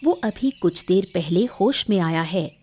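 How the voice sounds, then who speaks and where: A woman narrating a cartoon story in a steady scripted storytelling manner. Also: fairly low pitch, unhurried, slightly rough.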